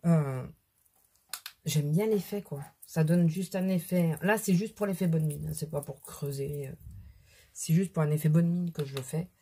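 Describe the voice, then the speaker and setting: A woman's voice: low voice, measured pace, dark tone, slightly rough. A middle-aged woman with a cold, chatting casually and rambling through her makeup routine for a beauty vlog. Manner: chatty, rambling, self-deprecating asides. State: has a cold. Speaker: beauty vlogger. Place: at home at her mirror.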